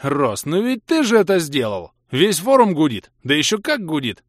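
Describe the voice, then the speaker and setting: A man voicing a burly, excited male gamer friend who talks in a loud, eager way. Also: fairly high pitch, moderate pace, no room sound, studio quality, voice pushed up.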